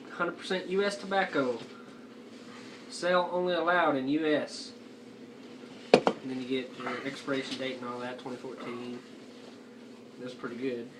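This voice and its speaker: A young man giving a casual review as he chats, talking with a lip full of dip. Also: fairly high pitch. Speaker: amateur product reviewer. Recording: noisy, distant home video microphone.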